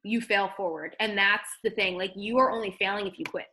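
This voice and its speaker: Woman team-leader host from New Jersey, mid-pitched, upbeat and encouraging, video-call mic. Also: a little fast, bright, forceful tone, a little hiss or hum, rough recording. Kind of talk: casual motivational talk.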